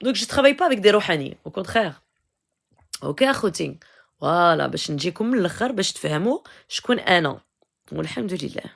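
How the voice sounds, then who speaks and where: Talking in rapid-fire bursts, a middle-aged woman with a Moroccan accent uses a fairly low, expressive, creaky voice. She hosts a live stream offering advice to viewers, code-switching and filling her talk with "euh" and "d'accord?" asides.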